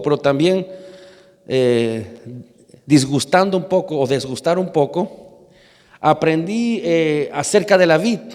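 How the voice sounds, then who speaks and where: Pastor from argentina preaching, chatty, asks the crowd stuff, lots of ums, echoey church hall. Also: male voice, fairly high pitch, darkish tone. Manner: conversational preaching, asks the congregation questions, many fillers. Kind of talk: sermon.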